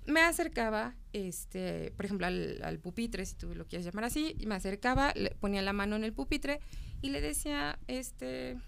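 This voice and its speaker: A woman's voice: medium pitch, expressive, moderate pace, gravelly, a bit bright, clear, resonant tone. A middle-aged woman psychologist chatting casually, animatedly telling a story and acting out the voices of the people in it. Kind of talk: casual conversational talk.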